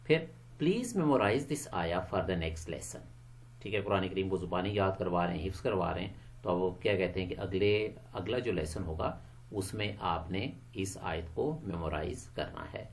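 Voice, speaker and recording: A man teaching English phrases to Quran teachers, quick in his explanations and slow and clear when he models a phrase. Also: deep voice, a little hiss or hum.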